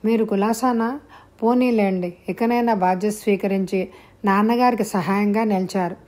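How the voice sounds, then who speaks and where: A friendly family man from a spoken storybook, talking in a chatty, easy way, as a woman narrator puts him on. His tone is warm and familiar. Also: sits high, steady tone, normal speed, lightly acted.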